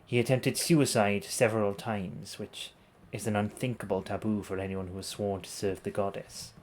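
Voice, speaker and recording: A man's voice: on the low side, fairly even intonation, moderate pace, darkish tone, slight background noise. A man streaming a game, reading its story dialogue aloud in a playful, dramatic way with casual asides.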